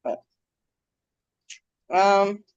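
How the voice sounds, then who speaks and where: With an expressive, clean-toned mid-range voice and drawn-out words, this podcast co-host chats casually and reads the news, getting sidetracked easily and jumping around. She says her R's like W's. The recording is muffled.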